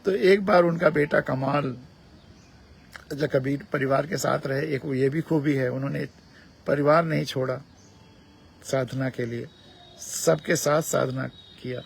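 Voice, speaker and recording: A man giving a measured spiritual discourse, repeating phrases for emphasis as he explains a teaching. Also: mid-range voice, steady tone, vocal fry, a little hiss or hum. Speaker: spiritual speaker.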